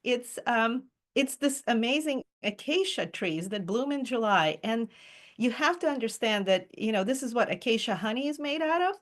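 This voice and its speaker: A woman with a slightly high, animated voice leads a reading group over Zoom at a moderate pace. It's a casual presentation through a video call, chatty and enthusiastic, with frequent ums and small laughs.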